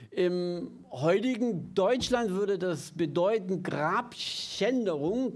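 A male pastor preaching a sermon, retelling scripture with lively asides and encouragement to the congregation. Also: sits high.

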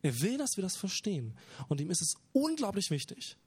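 Brief: earnest male preacher, high voice, dry close sound, explaining scripture with emphasis. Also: huge pitch swings, a little fast, darkish tone, breathy edge, no room sound. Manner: earnest, emphatic, retelling parables. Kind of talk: sermon.

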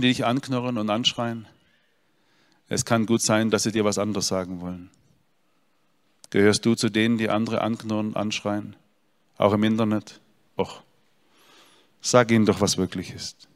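A man giving a personal storytelling sermon, talking straight to his listeners with earnest, dry humor. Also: on the low side. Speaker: speaker giving an inspirational talk. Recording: long hall reverb.

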